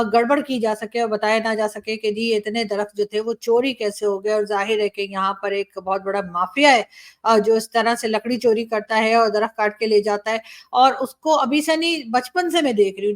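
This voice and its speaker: A woman from Pakistan with a Pakistani Urdu accent, giving casual, opinionated news commentary with frequent fillers. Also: on the high side. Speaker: journalist and commentator.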